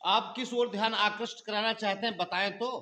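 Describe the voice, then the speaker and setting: High, bright-voiced news interviewer man. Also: fairly even intonation, moderate pace. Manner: formal, introduces the guest and prompts him to speak. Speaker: local news channel interviewer.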